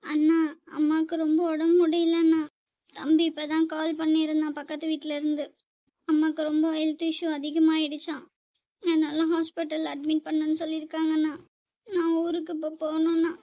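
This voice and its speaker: A woman's voice: high-pitched, completely flat delivery, normal speed, natural voice. A woman playing a tearful, scheming young sister. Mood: tearful pleading. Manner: tearful, pleading, calls him brother repeatedly. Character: young woman faking tears to get money. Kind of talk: amateur short drama acting. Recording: muffled dry recording.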